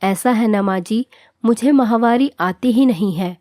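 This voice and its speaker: A modern young wife talks her point through in a calm, reasoning way, voiced by a woman narrator. Her tone is soft and mellow, recorded dry and close. It is a storybook reading. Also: on the high side, measured pace, no room sound, natural voice. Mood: sly.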